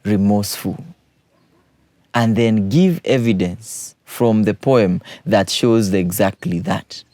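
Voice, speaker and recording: A man's voice: fairly low pitch, slow, a little mellow, no echo. A man, a teacher patiently explaining poetry exam questions and repeating key points.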